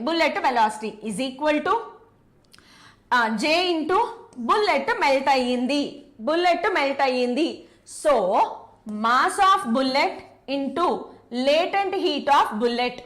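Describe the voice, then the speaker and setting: A woman's voice: high voice, fairly bright tone. A woman teaching a physics class live online, explaining step by step, repeating key points and answering chat comments. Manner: brisk, repeats key steps, mixes English terms into Telugu.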